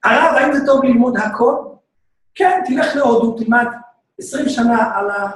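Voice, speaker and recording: A man teaching a lively, joking Torah class as a rabbi, often shouting out exclamations. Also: very high-pitched. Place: synagogue hall. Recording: echoey room, speaker far from mic.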